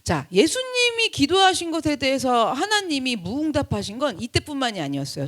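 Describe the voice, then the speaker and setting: A woman pastor delivers an impassioned sermon in a high, bright voice. Her pitch leaps and falls widely as she swings from loud cries to hushed, low lines. She keeps questioning her listeners and answering herself. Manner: asks the congregation questions and answers them herself.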